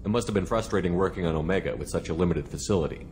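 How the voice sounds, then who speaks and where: A man playing a calm, resolute military commander in a video game, firm and businesslike, with music behind him. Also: deep voice, very fast, a little hiss or hum, lightly acted.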